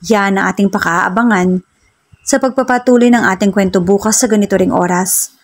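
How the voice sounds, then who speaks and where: A woman narrates a first-person romance serial in a slow, heartfelt reading. Her voice is husky and sits at a middle pitch. She speaks as the show's regular storyteller. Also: low-quality recording.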